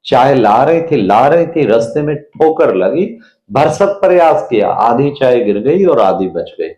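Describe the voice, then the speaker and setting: A man giving a slow sermon-style spiritual talk at a retreat, telling parables and acting out quoted voices, with English phrases mixed in. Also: medium pitch, expressive, dark tone, roomy sound, lo-fi sound. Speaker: spiritual speaker at a health retreat. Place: retreat centre hall.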